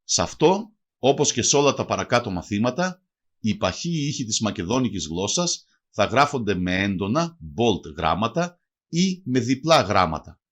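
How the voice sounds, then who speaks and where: A man reading a scripted language lesson, spelling out example words slowly and deliberately. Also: on the low side, very animated, fairly bright tone. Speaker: language teacher.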